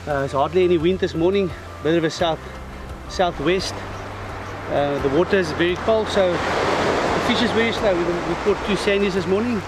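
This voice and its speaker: A man's voice: sits high, moderate pace, heavy background noise. A man from Namibia, a competing angler, talking plainly in a casual beach interview with many fillers. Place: outdoors on a beach. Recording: outdoor beach audio under loud music.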